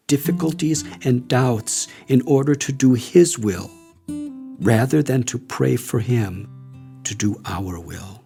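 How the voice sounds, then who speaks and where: A tender, wise old rabbi speaks softly with kindly emotion, as a man reading a memoir puts him on. The voice is slow and gravelly, with faint guitar music behind it. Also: medium pitch. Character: gentle elderly male rabbi, tender and wise.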